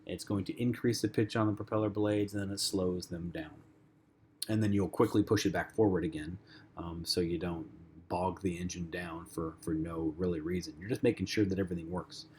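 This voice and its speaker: A man with a lowish voice teaches a flight lesson, talking loosely and conversationally, filling gaps with ums and uhs. A faint hum sits under the recording. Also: fairly even intonation, fairly quick, darkish tone. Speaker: flight instructor. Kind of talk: lecture-style flight lesson.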